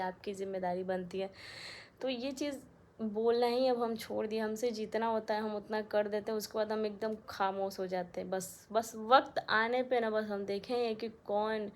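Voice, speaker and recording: A woman's voice: mid-range voice, darkish tone. A young woman in a casual vlog, talking straight to her viewers in a chatty, aggrieved way. She is filming on a phone in a small room at home with the fan turned off. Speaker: vlogger. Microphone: phone camera held close.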